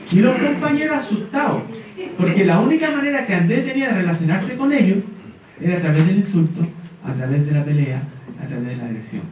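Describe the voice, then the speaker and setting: A middle-aged man speaks to an audience, an animated storyteller who voices the people in his story. His voice sits a little high and reaches the mic from far off. The sound rings in a large echoey hall with faint background noise. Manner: animated storyteller, acts out quotes. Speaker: speaker at an education panel.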